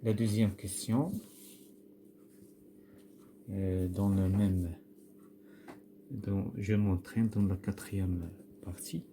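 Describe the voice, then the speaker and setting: A man's voice: deep voice, steady tone, extremely slow, pauses often, warm tone, a little hiss or hum. A man with a Moroccan accent teaching a grammar lesson, patient and step by step, quizzing a pupil and spelling words out letter by letter. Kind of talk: recorded classroom grammar lesson.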